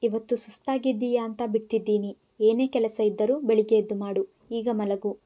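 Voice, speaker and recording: A woman's voice: fairly high pitch, steady tone, normal speed, dark tone, close to an everyday voice. A woman voicing a caring young husband in an audio story, scolding with tenderness. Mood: playful.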